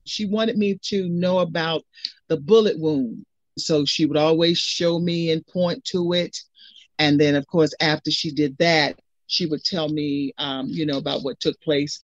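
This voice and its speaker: A man reminisces conversationally in an interview. His voice sits fairly high, and the recording is dry and a little dull. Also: fairly even intonation, measured pace, no room sound. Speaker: interviewee recalling childhood. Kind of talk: personal recollection in interview.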